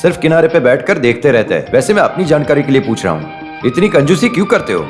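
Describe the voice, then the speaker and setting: An actor dubbing a wry, commanding senior lawyer in a film scene. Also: male voice, medium pitch, very animated, quick pace, music in the background, natural voice. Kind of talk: Hindi film dub.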